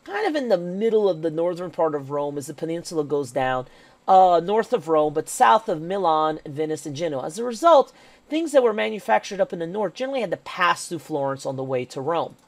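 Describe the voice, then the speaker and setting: A woman's voice: fairly low pitch, very animated, fairly quick, darkish tone, no echo. A woman teacher giving a recorded history lecture over slides, emphatic and checking in with "okay?" as she goes.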